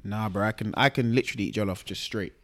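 A man's voice: fairly low pitch, quick pace, fairly bright tone. A young man with a London accent in casual banter, insistent and slangy.

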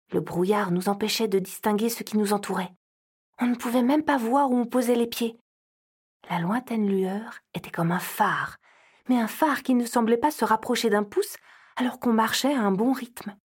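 Breathy woman narrating a storybook. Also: fairly high pitch. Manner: expressive storytelling. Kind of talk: scripted narration.

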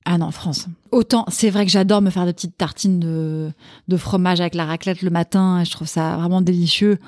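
A woman's voice: lowish voice, normal speed, no room sound, studio quality. A middle-aged woman from Sweden, a podcast guest and cookbook author, chatting casually and with enthusiasm. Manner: enthusiastic, animated storytelling. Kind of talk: casual chat.

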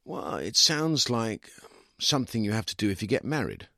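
A man's voice: lowish voice, sing-song, normal speed, vocal fry, bright, forceful tone, dry recording, studio quality, exaggerated voice. A man reading a story aloud, voicing a glum young man who mumbles hesitant, unsure answers.

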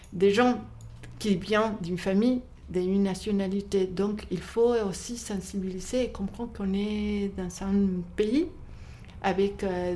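In an interview with slight background noise, a woman who sells books talks about them in a mid-range, slightly mellow voice. She is not a native French speaker and sounds hesitant, with frequent fillers and restarts.

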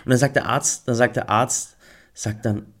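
A man in his thirties co-hosting a casual podcast. He talks in an animated way and likes to tease and provoke. His voice sits at an ordinary middle pitch. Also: moderate pace. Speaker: podcast co-host.

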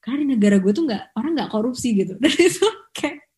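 A young woman, co-hosting a podcast in casual, animated chat. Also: on the high side, quick pace. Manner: chatty, animated storytelling with Jakarta slang. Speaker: podcast co-host.

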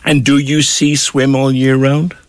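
A man's voice: mid-range voice, little pitch movement, a little slow, no echo, studio quality. A man with an Irish accent, hosting a conversational interview. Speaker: radio show host, interviewer.

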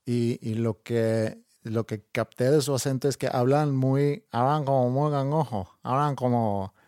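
An easygoing Mexican man chats in a good-humored way. His voice is mellow and sits in a middle pitch. It is recorded close with no room sound. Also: steady tone, measured pace, dry recording. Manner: easygoing, chuckling, tries out accents. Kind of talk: casual chat.

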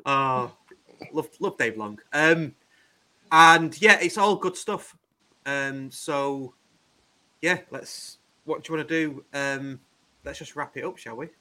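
Man, podcast host, sharp bright tone, fairly high pitch, casual chat. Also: slow, pauses often. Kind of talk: casual chat, running through show plans.

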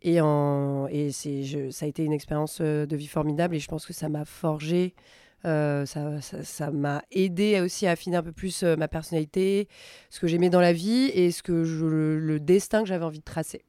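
A woman's voice: low voice, steady tone, normal speed, dark tone, smooth, no echo, clean studio sound. A woman from Bordeaux, a guest DJ, talking in a casual podcast chat, enthusiastic and laughing often. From Bordeaux, France.

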